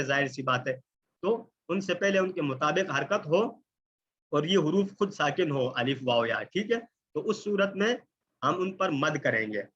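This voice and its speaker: A man teaching an online recitation lesson, explaining patiently, checking in often and drawing out example words slowly. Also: on the high side, a bit bright, muffled recording, slight background noise. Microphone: computer mic on a video call.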